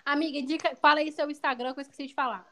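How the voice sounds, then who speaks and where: A Brazilian woman co-hosting a casual podcast with a friend, bubbly, excitable and chatty, often adding little tag questions. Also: high-pitched, very fast. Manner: frequent tag questions seeking agreement. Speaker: podcast co-host.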